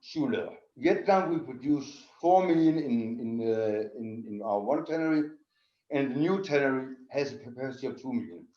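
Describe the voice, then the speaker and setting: This interview guest, a middle-aged Dane who directs sustainability at a tannery, talks about his work in a mid-range, animated voice at a moderate pace. The recording comes across as roomy, dull and lo-fi.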